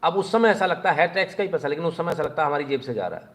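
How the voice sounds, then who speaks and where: A man giving sarcastic news commentary in an animated voice, and he often speaks directly to the people he criticises. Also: fairly high pitch, very fast. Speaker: political commentator.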